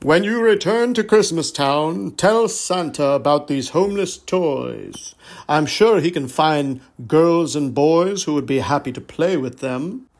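A dignified, kindly king, as a woman reader puts him on speaks slowly and breathily, close to her own voice. His pitch moves in lively storybook curves. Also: exaggerated voice. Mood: solemn.

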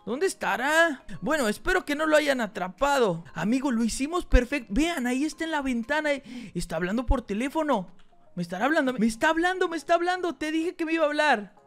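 A host playing a scheming character in a video game role-play, talking excitedly and theatrically. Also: sits high, a little fast, faint music behind.

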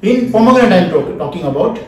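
Expressive and very fast, a high-pitched lecturer with an Indian accent leads an interactive class, emphatic and questioning, repeating key phrases. He's filmed in a small wood-panelled training room by a camera a few feet off, giving a distant, very echoey sound.

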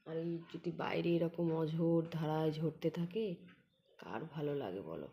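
A woman films a casual home vlog in a room at home, speaking in an unhurried, warm voice as she chats and coaxes her pet dog. She calls to the dog in high tones.

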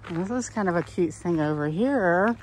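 On old town streets outdoors, a woman films her walking tour, narrating in a fairly low voice with lively intonation at normal speed. She's a tour guide keeping things casual and pointing out sights.

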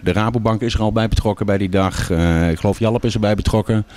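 A man's voice: lowish voice, steady tone, fast talker, darkish tone, dry recording. A man in his fifties from a sponsorship committee, speaking steadily and matter-of-factly with fillers in a casual interview. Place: small indoor café. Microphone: handheld microphone.

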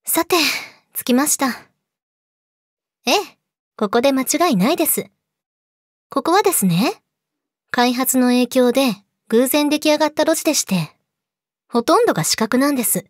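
Woman playing a possessive yandere girlfriend, swooping pitch. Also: expressive, normal speed, pauses often, no room sound, studio quality. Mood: calmly leading on. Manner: yandere: sweetly polite, possessive, menacing, drops into breathy whispers. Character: possessive yandere girlfriend, polite, teasing, quietly menacing. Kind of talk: scripted role-play audio drama addressed to the listener. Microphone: close studio mic, dry.

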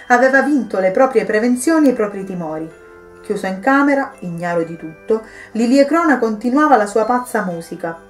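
A woman reading a Christmas story aloud as a storyteller, in a calm, measured way. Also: mid-range voice. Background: soft background music.

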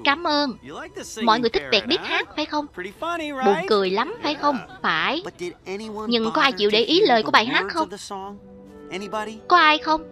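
The loud original cartoon audio and music sit underneath as a woman reads a scripted dub translation, performing all the characters alone. Her high-pitched voice is expressive, at a moderate pace with frequent pauses.

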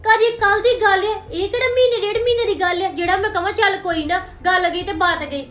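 Her voice is very high, quick and slightly bright as she acts the role of a young wife hurt by her husband's drinking. She sounds indignant and pleading, and the echoey recording has music underneath.

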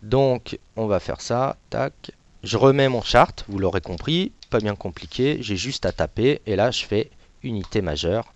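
A man giving a casual live demonstration of trading software to an audience, hesitant, with many fillers and little sound words. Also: on the low side, a little slow, no echo, dull audio. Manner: says he is not an analyst. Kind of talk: live software demo webinar.

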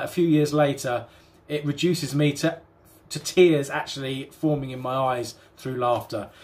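A British man vlogger giving a relaxed, chatty voice-over countdown, with many ums and uhs. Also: on the high side.

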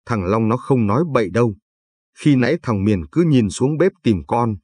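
A man's voice: mid-range voice, lively intonation, normal speed, a little mellow, breathy edge, dry recording. A man voicing a kindly old village grandfather in a told story, talking in a patient, advising way.

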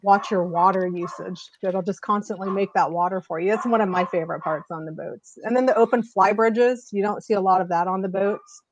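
Talking a little fast with few pauses, this woman keeps a steady tone at medium pitch. She's a charter agent in her thirties on a live video call over wired earbuds from her small home office, chatty and upbeat with many fillers, and the call audio is slightly muffled with slight background noise.

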